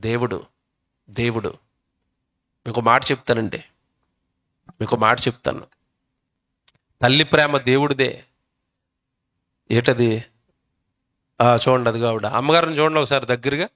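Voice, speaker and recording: A man's voice: mid-range voice, measured pace, pauses often, pushed and bright. A male preacher, delivering a sermon and emphatically quizzing his audience.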